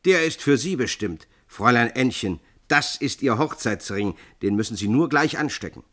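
A man's voice: deep voice, a little slow, fairly bright tone, heavily acted. A man reading a storybook, voicing an eager, talkative female farm maid. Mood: excited.

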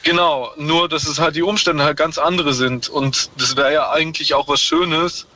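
A man's voice: a little high, fairly even intonation, normal speed, pushed and bright. A man calling in to a radio show from his car on a hands-free speakerphone, musing hesitantly with many fillers. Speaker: caller. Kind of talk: call-in radio chat. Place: in a moving car. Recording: muffled car speakerphone line with faint noise.

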